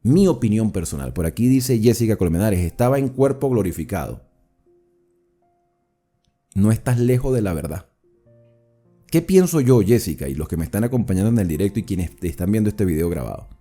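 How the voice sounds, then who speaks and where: Man, Bible study teacher, conversational, questions the audience, mellow tone, faint music behind. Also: on the low side, expressive, fairly quick, pauses often. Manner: conversational, explains verse by verse and asks the audience questions.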